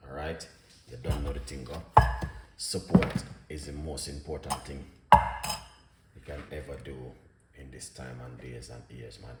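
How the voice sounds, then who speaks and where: Deep voiced guy doing a chill cooking stream, chatty and upbeat, sounds far off in an echoey room with noise behind. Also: little pitch movement, a little slow, pauses often. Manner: upbeat, chatty, greets viewers by name and place. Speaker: cooking show host. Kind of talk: casual live-stream cooking chat. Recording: echoey room, mic at a distance, background noise.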